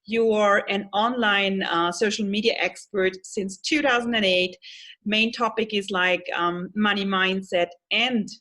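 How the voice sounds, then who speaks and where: Woman, Austrian accent, interview host, mid-pitched, hesitant with lots of fillers, video call. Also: fairly even intonation, measured pace, pushed and bright. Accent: Austrian German. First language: German. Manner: hesitant, full of "like" and "um". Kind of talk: casual interview chat.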